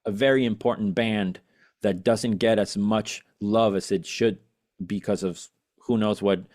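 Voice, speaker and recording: Lower-voiced rambling man from Venezuela. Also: fairly even intonation, unhurried, a little mellow. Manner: enthusiastic, rambling with many fillers and restarts. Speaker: podcast guest, musician. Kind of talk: casual interview chat.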